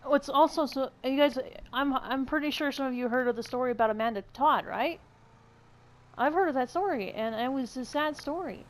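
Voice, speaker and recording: Chatty higher-voiced woman podcaster. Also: normal speed. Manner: chatty, rambling with fillers. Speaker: podcast co-host. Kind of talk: casual podcast chat.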